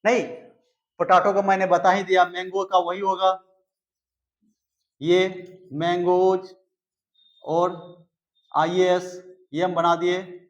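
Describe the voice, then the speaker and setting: Man, high voice, grammar lesson, sounding out words, dull lo-fi audio. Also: flat delivery. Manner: explains slowly, repeats and restarts words, sounds out examples. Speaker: English teacher.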